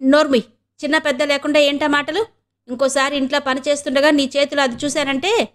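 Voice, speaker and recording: A proud young woman with a short temper, scolding in curt, clipped bursts, as a female narrator puts her on. The voice sits a little high, and it is heard in an audiobook reading. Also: little pitch movement, a little fast, close to an everyday voice. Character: sharp-tongued proud young woman of the house.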